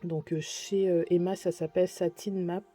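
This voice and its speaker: A woman vlogger talks through her shopping haul in a relaxed, chatty way, gushing over each item. Her voice is mellow and warm, with soft music playing faintly underneath. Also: lowish voice, moderate pace. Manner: chatty and gushing about purchases. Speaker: beauty and lifestyle vlogger. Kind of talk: casual shopping haul vlog.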